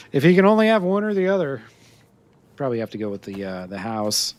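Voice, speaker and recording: During a live survival-game stream, a man chats both in character and with his viewers. He's talkative and laughs a lot, his pitch bouncing around energetically as he role-plays.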